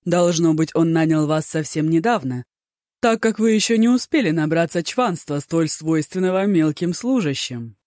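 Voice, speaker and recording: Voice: mid-range voice, expressive, moderate pace, darkish tone, no echo, clean studio sound, natural voice. A narrator voicing a flamboyant, tipsy male poet who is effusive and theatrically pleased with himself. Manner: effusive, theatrical, self-satisfied.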